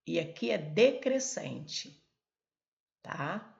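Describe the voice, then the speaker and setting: A woman's voice: lowish voice, very animated, very slow, vocal fry, lo-fi sound. A woman teaching a Portuguese grammar lesson at a board, explaining step by step and pointing things out as she goes. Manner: explains step by step, many "olha" and "ó" prompts.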